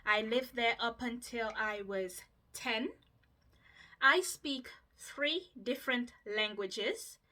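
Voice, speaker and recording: Doing her skincare on camera, a woman in her 20s from Mauritius talks casually to viewers, peppering her speech with fillers and side comments. A native Mauritian Creole speaker, she has a fairly high, pushed, bright voice and a slow pace.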